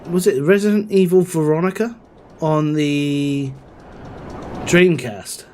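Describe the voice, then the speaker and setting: A man's voice: on the high side, slow, a little mellow, slight background noise. A man chatting casually on a gaming live stream, rambling and answering his chat.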